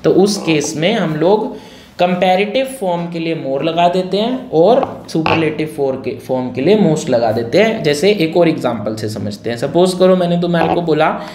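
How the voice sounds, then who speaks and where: A man's voice: on the high side, expressive, moderate pace, a little mellow. Man teaching grammar in an echoey classroom. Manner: repeats key words and quizzes students with constant check questions. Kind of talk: classroom grammar lesson in Hindi mixed with English. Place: classroom with students answering. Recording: roomy echo with faint noise.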